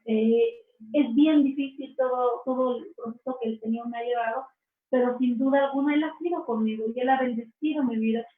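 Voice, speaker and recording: High-voiced woman giving testimony. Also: steady tone. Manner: earnest, slow storytelling with frequent restarts. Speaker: interviewee sharing a testimony. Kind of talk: faith testimony in an interview. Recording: echoey, distant, phone-like sound.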